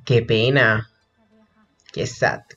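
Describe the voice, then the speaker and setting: A young man giving casual, gossipy reaction commentary, excitable and prone to sudden shrieks. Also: mid-range voice, very slow, creaky, highs cut off, soft background music. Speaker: reaction vlogger.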